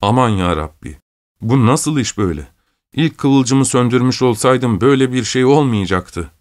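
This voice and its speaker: A man's voice: mid-range voice, expressive, moderate pace, natural voice. A man voicing a vengeful peasant villager. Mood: despairing. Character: angry desperate male peasant villager.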